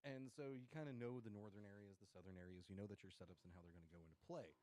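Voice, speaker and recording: A man's voice: on the low side, fairly even intonation, racing, warm tone, slight background noise. A man giving live esports commentary in loose, conversational phrasing.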